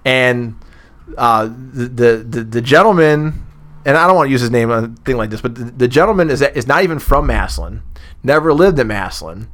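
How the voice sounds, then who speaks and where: A man, a former booster club president, chatting on a podcast and telling lively anecdotes. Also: mid-range voice, normal speed. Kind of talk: casual podcast storytelling.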